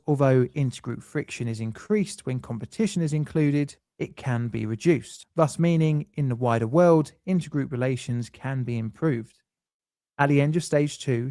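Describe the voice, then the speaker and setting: A man reading a scripted documentary narration in a measured, lightly dry explanatory way. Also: mid-range voice, warm tone, no echo.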